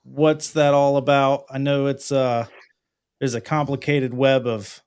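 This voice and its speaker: A man's voice: medium pitch, flat delivery, a little slow, a little mellow, clear, resonant tone. An eager co-host with a mid-range male voice. He rambles enthusiastically through a casual livestream chat, circling back and restarting his sentences as he goes.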